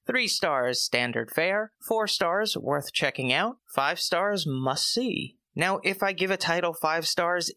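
A man's voice: fairly high pitch, pushed and bright, clean tone, no echo. A man hosting his own film review podcast, reading a script with chatty, joking asides.

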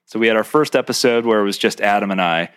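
A man's voice: lowish voice, fast, fairly bright tone, smooth. A man co-hosting a podcast, rambling a little as he introduces a guest. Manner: rambling, many fillers. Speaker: podcast co-host. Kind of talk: casual interview chat. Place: home, indoors.

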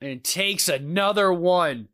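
Guy doing wrestling commentary, pretty high voice, calls every move and gets excited, really dry sound. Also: slow, no echo. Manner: excitable, exclaiming at big moves.

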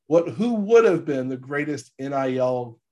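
A man with a stuffy, gravelly voice from allergies, hosting a casual sports podcast and informally rephrasing his points as he goes. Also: mid-range voice, lively intonation, moderate pace, mellow, muffled recording. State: congested from allergies. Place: podcast studio.

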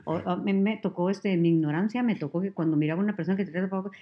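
A woman's voice: on the low side, racing, dull audio. A Mexican woman telling stories in a casual interview, acting out what people said to her. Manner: animated storyteller who acts out quoted dialogue. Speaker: guest. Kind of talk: casual conversation.

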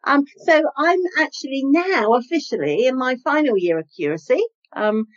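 A woman's voice: high-pitched, animated, normal speed. A woman chatting casually and hesitantly as a podcast guest, in a giggly conversational style. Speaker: podcast guest, priest in training. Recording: slightly dull, lo-fi sound.

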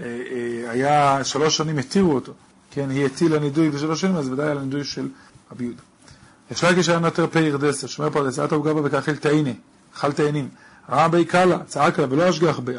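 A man's voice: a little high, slightly rough. A man giving a daily Talmud lesson, reading the Aramaic text aloud and explaining it line by line. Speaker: Talmud teacher.

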